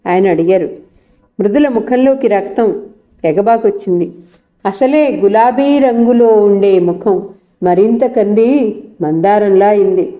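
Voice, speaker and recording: A woman narrating a novel in a steady storytelling manner. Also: medium pitch, measured pace, long pauses.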